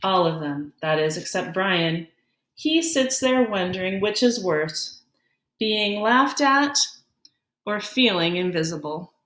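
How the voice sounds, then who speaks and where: A woman reading a children's picture book aloud like a teacher, in an expressive, deliberate way. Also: mid-range voice. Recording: roomy, echoing sound.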